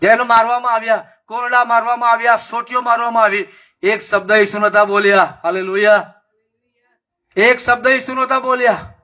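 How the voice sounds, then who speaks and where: A man's voice: very high voice, steady tone, normal speed, pushed and bright. A man preaching a sermon with a passionate, repetitive cadence.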